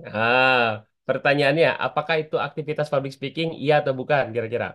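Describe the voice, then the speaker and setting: A man's voice: mid-range voice, fast, a bit bright, muffled recording. Chatty male public speaking trainer. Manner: chatty, keeps asking the class questions. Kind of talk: online class teaching.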